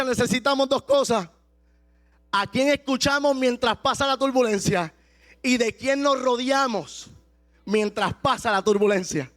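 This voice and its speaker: A man preaches with a very high voice, slowing his words and raising them to a shout to drive points home. Faint music plays under his sermon. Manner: impassioned preaching, slows and shouts for emphasis. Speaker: pastor.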